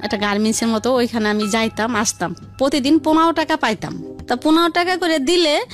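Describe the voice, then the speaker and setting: A Bangladeshi woman with a colloquial Dhaka-region Bengali accent is an interview guest, telling her life story in a rambling, repetitive way. Her voice is a little high and a little fast, and faint music plays in the background.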